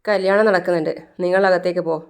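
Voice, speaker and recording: Brief: a hurt young wife turning help down, read plainly by a storyteller, clear smooth tone. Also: medium pitch, fairly even intonation, fast, natural voice. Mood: refusing. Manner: quiet refusals.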